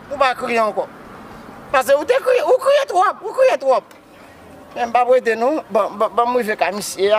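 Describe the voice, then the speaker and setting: A man's voice: very high voice, background noise. A man with a Haitian accent playing a grief-stricken widower who sobs, wails and keeps calling out to Jesus. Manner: repeats words, cries out to Jesus. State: wailing and sobbing. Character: grief-stricken man mourning his dead wife.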